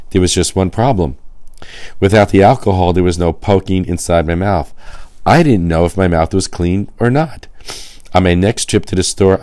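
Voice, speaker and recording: Deep-voiced man with a hoarse laryngitis rasp. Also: darkish tone, no room sound, studio quality. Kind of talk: scripted devotional monologue.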